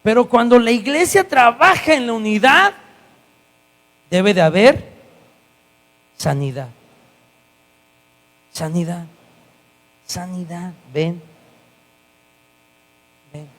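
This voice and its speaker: A man's voice: very high-pitched, takes it slowly, long pauses. A male guest pastor preaching a sermon, telling stories with acted-out dialogue. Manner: animated storytelling, acting out dialogue. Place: church hall. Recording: church hall with long reverb and mains hum.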